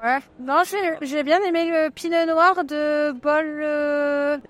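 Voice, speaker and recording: A woman's voice: high voice, fairly even intonation, takes it slowly. A woman, a dietitian, giving short cheerful answers in a casual interview. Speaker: dietitian, event guest.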